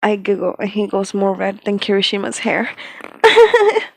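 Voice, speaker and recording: A woman's voice: mid-range voice, sing-song, normal speed, vocal fry, no room sound, poor audio. A young woman casually reading a story aloud, giggling, flustered and stumbling over lines. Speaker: fanfic reader.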